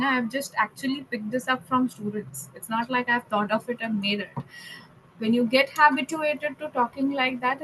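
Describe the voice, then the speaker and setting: High-voiced woman teaching a language class. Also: sharp tone, a little hiss or hum, poor audio. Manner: mixes English and German, stresses words slowly, frequent "okay?" checks.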